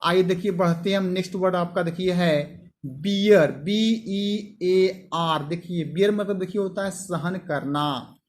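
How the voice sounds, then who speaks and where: A man with a high-pitched voice, speaking at normal speed, teaches English vocabulary by explaining word meanings to students. He spells words out letter by letter and keeps posing questions that he answers himself.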